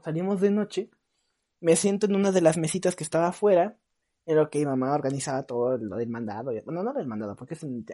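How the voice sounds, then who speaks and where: A young man with a Mexican accent telling stories on a podcast, animated and swearing, teasing his friends. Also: a little high. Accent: Mexican Spanish. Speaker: podcast co-host. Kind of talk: casual storytelling chat.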